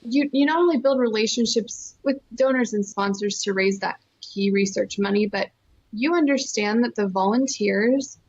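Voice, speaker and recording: In a husky mid-range voice at normal speed, a woman tells her story as an interview guest, earnest, enthusiastic and emphatic. She is a Costa Rican-born nonprofit fundraiser from California, and the recording has its highs cut off.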